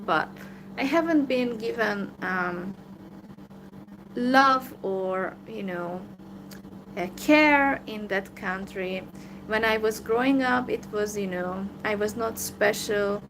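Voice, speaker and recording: A Hungarian-accented woman vlogger speaks at a medium pitch and a slow pace, with background noise audible. Alone on a livestream, she addresses her viewers in a downcast, hesitant monologue full of fillers.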